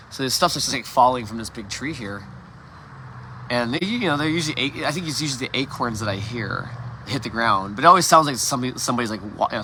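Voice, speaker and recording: Recorded on a phone in his yard before dawn, a livestream host delivers a casual, rambling monologue, candid and profane, with frequent swearing and many restarts. His medium-pitched voice sounds pushed and bright, with a little hiss or hum.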